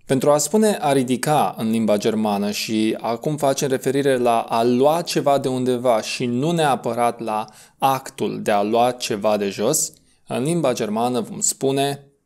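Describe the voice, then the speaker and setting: Man slowly drilling pronunciation. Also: mid-range voice, darkish tone. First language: Romanian. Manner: slow, deliberate repetition of words. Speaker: language teacher. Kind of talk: pronunciation lesson.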